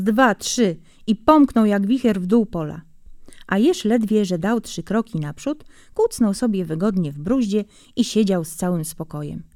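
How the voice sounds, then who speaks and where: A woman reading a fairy tale aloud in a calm, measured storytelling manner. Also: mid-range voice, no room sound, clean studio sound. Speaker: audiobook reader.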